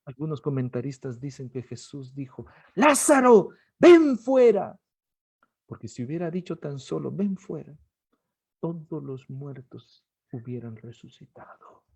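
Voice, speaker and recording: A male pastor with a Guatemalan accent preaching an impassioned sermon, swinging between soft pleading and loud cries. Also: mid-range voice, normal speed, gravelly, husky, dry recording. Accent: Guatemalan Spanish. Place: church service streamed online.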